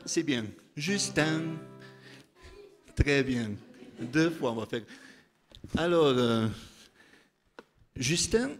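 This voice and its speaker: A man leading a children's story moment in church, playful and coaxing as he teaches a chant. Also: on the high side. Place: large church hall. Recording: church recording with long hall reverb.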